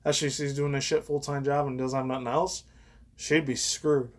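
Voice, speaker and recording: Speaking at normal speed in a level, mid-range voice, this thirty-something YouTuber offers loose, rambling reactions. He's blunt and profane, crude at times, and keeps chuckling to himself along the way.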